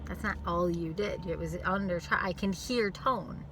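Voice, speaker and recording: A woman's voice: fairly low pitch, measured pace, background noise. A woman songwriter talking to her camera in a car, rambling and playful, often stopping to rethink what she means. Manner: chatty, self-interrupting, playful. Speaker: songwriter vlogger. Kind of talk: rambling reflective monologue. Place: in a parked car.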